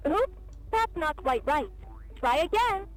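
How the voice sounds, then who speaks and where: A woman's voice: very high voice, big pitch swings, slow pace, exaggerated voice. A woman voicing a friendly little female jellyfish in a children's game, chirpy, polite and encouraging. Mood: gently correcting. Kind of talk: children's game cartoon voice acting.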